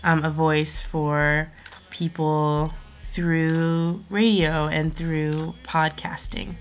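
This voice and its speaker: Young female podcast host, nasal whine from a head cold, unhurried and low, casual and hesitant. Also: flat delivery, slight background noise. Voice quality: nasal, congested. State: congested from a cold.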